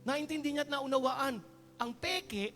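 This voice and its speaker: A man preaching a sermon as pastor, joking with the congregation and calling for applause, moving between quiet talk and shouted praise. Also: extremely high pitch, unhurried, soft background music. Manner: jokes with the congregation and calls for applause. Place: church hall. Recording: church hall with long reverb.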